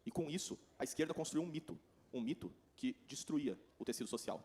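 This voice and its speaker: Fast-talking Brazilian man interpreting. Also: a little high, lively intonation, darkish tone. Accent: Brazilian Portuguese. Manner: rapid, running translation. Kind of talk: consecutive interpretation.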